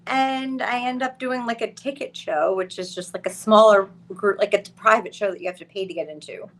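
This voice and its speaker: Brisk and medium-pitched, this late-thirties woman is a guest on a podcast, keeping the conversation casual and laughing frequently.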